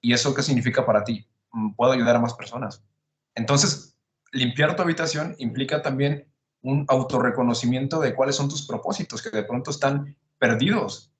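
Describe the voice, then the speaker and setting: A man's voice: mid-range voice, normal speed, roomy sound. A man, casually explaining psychology ideas as a podcast host, building his points with rhetorical questions.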